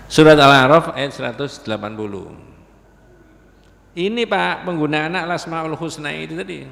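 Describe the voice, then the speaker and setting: A man teaching a religious study class, lively and often quizzing his listeners. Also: fairly high pitch, moderate pace, vocal fry. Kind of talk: mosque study lesson. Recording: echoey hall reverb.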